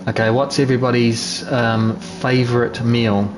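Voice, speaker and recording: Streamer type: New Zealand man, easygoing drawl, headset mic with steady background hum. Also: mid-range voice, a little slow. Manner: relaxed, chatty, reads out chat names. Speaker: sim racing streamer. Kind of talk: live gameplay commentary. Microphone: gaming headset.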